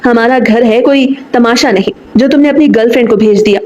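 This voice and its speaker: A furious young bride-to-be from a romance storybook, scolding and indignant, as a woman narrator reads her. Her voice sits fairly high. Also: a little fast, a little mellow, dull audio, close to an everyday voice. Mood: angry. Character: angry young bride-to-be, sharp-tongued.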